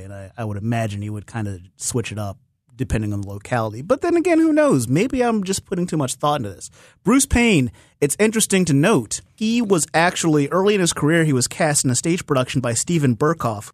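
A man hosting a podcast, talking about a movie in an animated, opinionated way and laughing easily. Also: mid-range voice, dry recording, studio quality. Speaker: podcast host. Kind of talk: casual film discussion.

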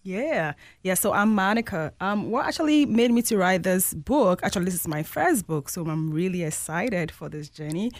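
A woman's voice: lowish voice, expressive, moderate pace, few pauses, no room sound. A woman from Ghana, chatting enthusiastically as an author guest. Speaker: children's book author guest. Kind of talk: interview answer.

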